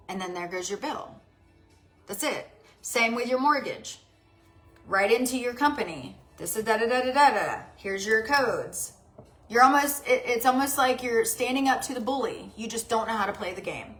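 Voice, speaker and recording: A woman's voice: a little high, normal speed, a bit bright, faint music behind. A woman vlogger in casual chat, rambling and confiding, often stuttering and restarting her sentences.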